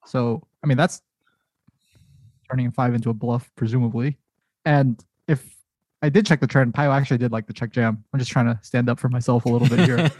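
A man's voice: mid-range voice, steady tone, brisk, darkish tone, no echo. A man co-hosting a podcast, chatting casually and a little defensively, with hesitant phrasing, on a close mic. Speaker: podcast co-host. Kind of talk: casual chat.

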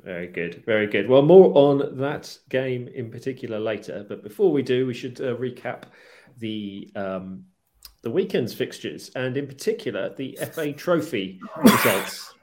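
A man hosting a casual sports podcast, presenting in a halting, hesitant way. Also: medium pitch, animated, a little mellow. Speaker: podcast host.

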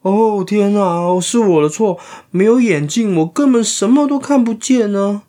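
A man's voice: high voice, measured pace, warm tone, voice pushed up. A man voicing a polite, flustered, nearsighted father mole who keeps exclaiming and apologizing.

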